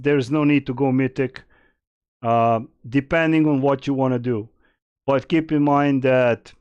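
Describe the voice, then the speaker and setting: A man's voice: mid-range voice, darkish tone, clear, resonant tone, dry recording. A young man from Serbia, casually streaming and answering chat questions in a rambling way with many fillers. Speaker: game streamer.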